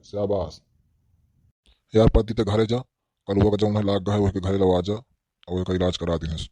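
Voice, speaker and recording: A man's voice: lowish voice, little pitch movement, normal speed, no echo, lightly acted. A man playing a scolding village schoolmaster, speaking with a tinge in a comedy skit. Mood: plain. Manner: loud, scolding.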